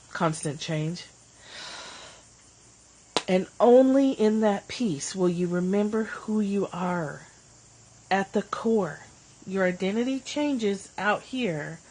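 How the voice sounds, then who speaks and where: A woman's voice: lowish voice, darkish tone, rough recording. A woman hosting a live stream, giving a casual, rambling spiritual talk and replying to viewer comments. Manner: chatty, rambling, reads viewer comments aloud. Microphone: phone.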